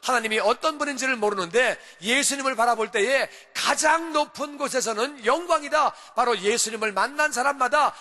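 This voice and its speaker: A male pastor preaching with a very high, bright and ringing voice. He drives each point home through emphatic repetition and rising calls. His voice carries a long church hall reverb. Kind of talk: sermon. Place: church sanctuary.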